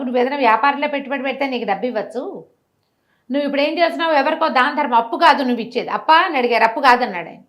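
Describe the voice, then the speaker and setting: Talking rapidly and pitched fairly high, a female storyteller spins a cautionary tale in conversational style. She performs the characters' lines, poses rhetorical questions, and addresses the listener directly to drive the moral home, all with a lively, instructive energy.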